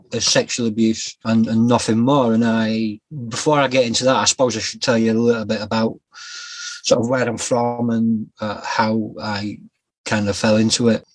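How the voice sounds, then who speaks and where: A man, a guest telling his life story in a podcast interview, reflective and halting with restarts. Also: on the low side, little pitch movement, dry recording. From Yorkshire, England. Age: 40s. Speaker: guest author.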